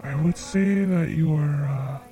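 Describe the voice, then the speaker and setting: A man hosting a comedic call-in show as a psychic, speaking in a slow, soft-spoken, earnest way. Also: a little high, soft background music, poor audio. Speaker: psychic radio show host.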